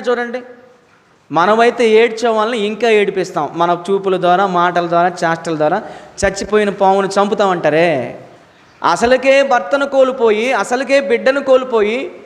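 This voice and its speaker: A man preaching a Sunday sermon as pastor. He fires rhetorical questions at the congregation and swings from loud declarations to low, grave warnings. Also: big-room sound.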